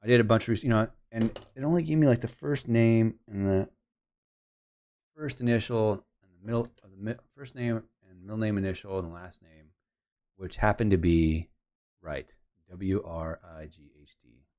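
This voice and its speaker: A man with a low, mellow voice speaks at a moderate pace with fairly even intonation. He chats casually while editing photos, rambling through a long story, quoting the voices of people in the conversations he retells and describing his editing steps out loud.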